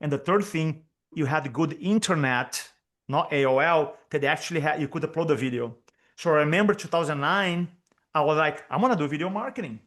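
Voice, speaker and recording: Speaking briskly in a slightly bright voice on the high side, this man from Brazil is interviewed over video call. A speaking coach whose native language is Portuguese, he has a Brazilian Portuguese accent, talks with energy, and keeps repeating his key points for emphasis.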